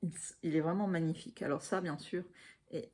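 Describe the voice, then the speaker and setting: A woman's voice: deep voice, fairly even intonation, a little fast, a little mellow. A woman in her forties from Alsace, chatting casually on her knitting vlog, with many fillers and counts muttered under her breath. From Alsace, France. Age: 40s. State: hands trembling, apologetic. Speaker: knitting podcaster. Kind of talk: casual show-and-tell vlog.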